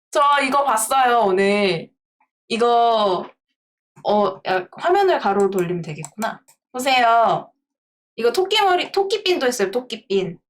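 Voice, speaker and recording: Woman, live streamer, casual chat, playful, giggly, bouncy lively pitch.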